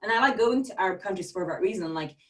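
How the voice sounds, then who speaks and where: A young woman from Sweden, a podcast guest in casual chat, quick and chatty and laughing often. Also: mid-range voice, expressive, far from the mic.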